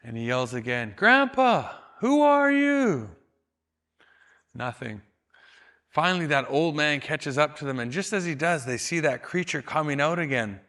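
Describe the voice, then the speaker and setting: A man narrating a traditional tale with calm, deliberate phrasing. His voice sits a little high for a man and moves at an unhurried pace, letting each image settle. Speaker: storyteller and educator. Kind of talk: traditional oral storytelling.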